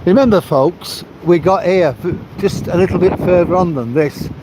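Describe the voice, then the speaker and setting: A man's voice: sits high, normal speed. A retired older man from Manchester with a Northern English accent, chatting casually and rambling as he repeats himself. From Manchester, England. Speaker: retired local resident. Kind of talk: casual chat. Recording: loud wind and outdoor noise.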